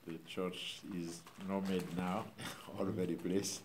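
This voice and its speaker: A middle-aged Haitian pastor with a Haitian accent, speaking informally to a church group in a halting way, with many pauses and fillers. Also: male voice, sits low, little pitch movement, a little hiss or hum.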